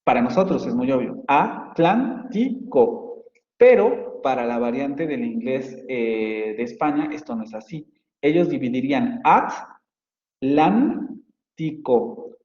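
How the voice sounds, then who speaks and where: A male phonetics professor, giving a casual lecture and thinking aloud with frequent fillers and restarts. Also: medium pitch. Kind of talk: university lecture, explaining with examples. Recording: dull, roomy, reverberant lo-fi audio.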